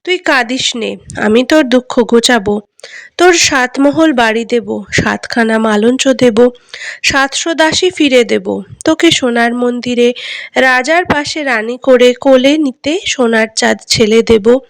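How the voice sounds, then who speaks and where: A woman's voice: on the high side, unhurried, gravelly, no room sound. A woman voicing a devoted forest monkey in a storybook, earnest and coaxing. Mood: reassuring.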